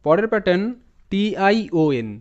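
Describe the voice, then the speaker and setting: Male English reading teacher, slightly high pitch. Patient, spells words letter by letter. Lo-fi recording. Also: darkish tone. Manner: spells words letter by letter, then repeats them slowly. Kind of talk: spoken language lesson. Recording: dull lo-fi sound.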